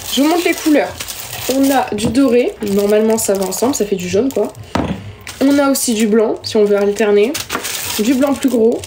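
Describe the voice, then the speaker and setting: Young woman, casual livestream chat, talkative, self-mocking, slightly high voice, phone mic, faint hiss. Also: a little mellow. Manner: chatty, self-mocking, talks to viewers. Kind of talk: casual live stream chat.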